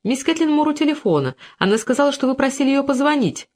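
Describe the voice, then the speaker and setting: A reader voicing a brisk female secretary who announces calls in a businesslike way. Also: high voice, lively intonation, a little mellow, pitched above the performer's own voice. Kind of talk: audiobook character voice.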